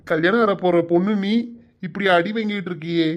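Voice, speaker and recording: A man's voice: high-pitched, normal speed, highs cut off, lightly acted. A man voicing a polite, teasing young groom-to-be with a southern Tamil Nadu accent. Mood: gentle.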